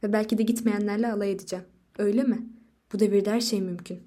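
A woman's voice: medium pitch, fairly even intonation, fast talker, close to an everyday voice. A woman reading a fierce, desperate young wife. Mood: anguished. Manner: loud, impassioned pleading. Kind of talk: audiobook reading.

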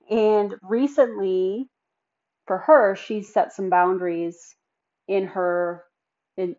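A woman's voice: medium pitch, darkish tone. A young woman hosting a solo podcast, chatting in an upbeat way and speaking straight to her listeners. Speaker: podcast host. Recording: slightly dull lo-fi sound.

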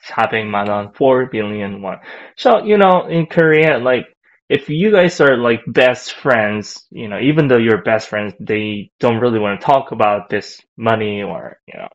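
A man teaching a casual language lesson, relaxed and halting, with many fillers and restarts. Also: mid-range voice. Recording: dull lo-fi audio.

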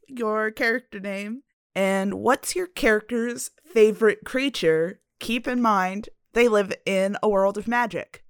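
Brief: woman game master, unhurried delivery, dry close mic, playful. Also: mid-range voice, smooth, dry recording. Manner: playful, joking, laughs often. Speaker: dungeon master. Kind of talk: running a tabletop game podcast.

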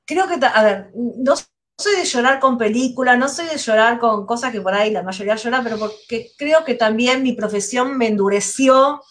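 A fairly high-voiced middle-aged woman talks with a Rioplatense lilt over a video call. She speaks candidly, stopping and restarting her phrases as she goes. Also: normal speed. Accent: Rioplatense Spanish. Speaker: guest, mother. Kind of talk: casual interview chat.

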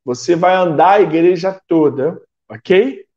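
A man voicing a calm, patient pastor giving a challenge. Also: high voice, measured pace, lo-fi sound.

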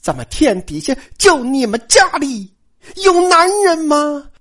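A man doing a fiery, sharp-tongued young woman. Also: high-pitched, wildly swooping pitch, a little slow, heavily acted. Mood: scornful.

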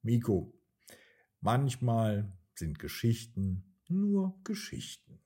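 A man voicing a cheerful young woman who calmly reassures her worried monkey friend, in a children's story. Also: mid-range voice, extremely slow, breathy edge, exaggerated voice. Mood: reassuring. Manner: soothing, reassuring.

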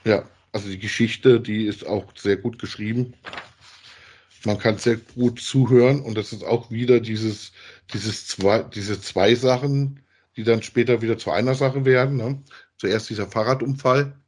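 This podcast co-host, a man who reviews audio dramas, talks in a measured, fairly even way with a husky, darkish voice on the low side. The discussion is casual, and he states his views emphatically and colloquially, often fishing for agreement.

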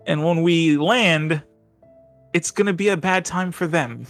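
A man voicing a cocky private-eye detective in a tabletop game, with a loose Brooklyn put-on accent, talking in a confiding, hush-hush way. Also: fairly high pitch, measured pace, no room sound, soft background music. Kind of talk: tabletop character voice.

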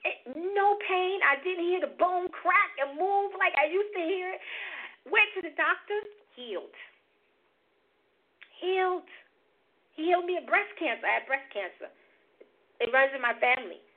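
A woman's voice: very high voice, lively intonation, normal speed. A middle-aged woman giving an emotional personal faith testimony to her viewers, fervent and emphatic. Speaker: vlogger sharing a faith testimony. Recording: tinny phone-like sound.

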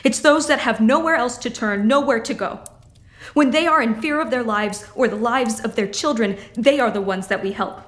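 Woman as a grave, reproachful mother with a somewhat high voice. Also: moderate pace, a bit bright, close to an everyday voice. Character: stern mother, founder of a secret poison trade. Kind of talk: audio drama acting.

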